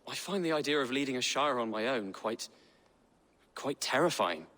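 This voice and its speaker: A polite, unsure young noble heir. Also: male voice, mid-range voice, animated, normal speed, bright, forceful tone, big-room sound. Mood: earnest. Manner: formal and earnest. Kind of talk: video game dialogue.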